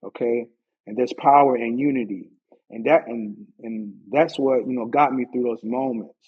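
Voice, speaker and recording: A medium-pitched, husky man from Orlando, Florida, who teaches martial arts, tells stories conversationally on a podcast. He hesitates, circles back over phrases and leans on "you know," all in dull-sounding audio.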